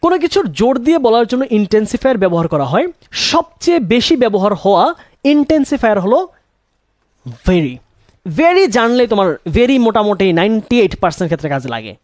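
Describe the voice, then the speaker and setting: A man's voice: high-pitched, big pitch swings, a little fast, a little mellow, no room sound. A young man teaches English grammar to his students, his voice rising and falling a lot as he quizzes them and then answers himself. The sound is dry and close, with no room around it. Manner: asks questions and answers them himself, repeats key words. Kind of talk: classroom-style grammar lesson.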